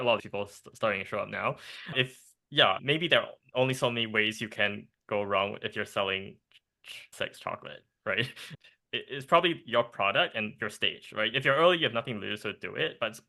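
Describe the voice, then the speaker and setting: A young Singaporean man who co-founded a startup chats in a casual podcast interview. His fairly low, gravelly voice comes out in animated bursts, with frequent restarts and laughter.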